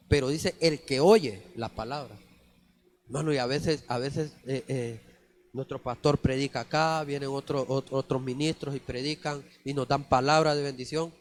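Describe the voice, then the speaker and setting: A man's voice: medium pitch, a little hiss or hum. A man preaching a conversational church sermon, often calling the listeners brother. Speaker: lay preacher. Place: church sanctuary.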